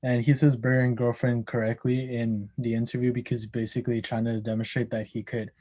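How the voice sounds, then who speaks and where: A man's voice: mid-range voice, little pitch movement, brisk, warm tone. A young man giving a class oral presentation, hesitant, with many ums and restarts. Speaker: student presenter.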